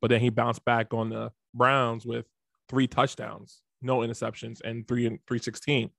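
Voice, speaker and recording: A man's voice: mid-range voice, flat delivery, moderate pace, gravelly, fairly bright tone, no echo, clean studio sound. A man co-hosting a sports podcast from his home computer setup, chatting loosely and rattling off stats. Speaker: podcast co-host. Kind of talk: casual fantasy football chat. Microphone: home computer setup mic.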